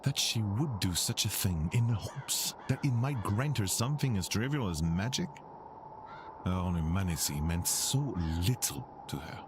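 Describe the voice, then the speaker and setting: A man voicing an aloof, reclusive French gentleman in a put-on French accent, measured and faintly smug. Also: fairly low pitch, animated, noisy background, close to an everyday voice. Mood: troubled.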